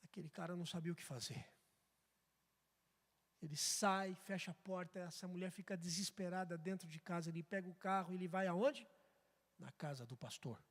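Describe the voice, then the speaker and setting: A pastor preaching a sermon in a church, telling a story dramatically and swinging between loud and hushed. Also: male voice, high voice, normal speed. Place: church sanctuary. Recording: echoey church hall.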